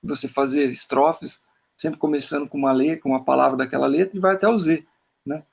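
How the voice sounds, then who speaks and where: In a husky, mid-range voice with vocal fry and fairly even intonation, a Brazilian poet speaks a little fast. He chats casually in an interview about his book, showing his work on screen. His Brazilian Portuguese rambles, full of stammered repeats and "né?".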